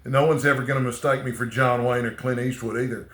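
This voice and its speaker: The booktuber with a slight Texan accent talks casually to camera, rambling, restarting haltingly, and tagging on "okay?" again and again. His voice is medium in pitch, steady, and a bit bright, and the room is echoey.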